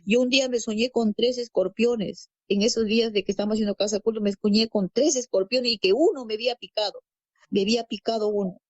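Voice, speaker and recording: A woman's voice: on the high side, fairly quick, darkish tone, no echo, dull audio. A woman from Peru telling her conversion testimony as a guest, storytelling and acting out quoted dialogue, repeating phrases. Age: adult parent. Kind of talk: personal faith testimony.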